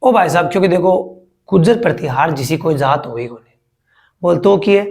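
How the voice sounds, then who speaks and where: High-voiced Rajasthani teacher drilling students. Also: male voice, animated, fairly quick, creaky, a little mellow. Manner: repeats key words and drills students to memorize; chatty, jokes with students. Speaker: history teacher. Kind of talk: exam-prep history lesson.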